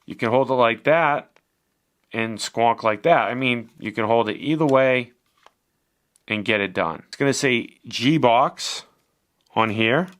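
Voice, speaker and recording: A man's voice: mid-range voice, slow pace, pauses often, a bit bright. A man giving a casual, chatty product review as he unboxes and shows a device, swearing now and then.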